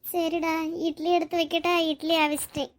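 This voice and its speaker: A woman voicing a high, motherly cartoon elder sister. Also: flat delivery, normal speed. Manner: affectionate, pleading, emotional. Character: loving elder sister and wife, motherly and tearful. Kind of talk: Tamil cartoon drama voice acting.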